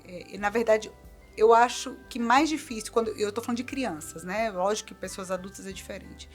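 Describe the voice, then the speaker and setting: A middle-aged woman with a Brazilian Portuguese accent speaks in an earnest, animated way, stressing her points by repeating them. Her pitch sits in the middle range. Faint music plays behind her. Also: fairly quick. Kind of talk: conversational interview.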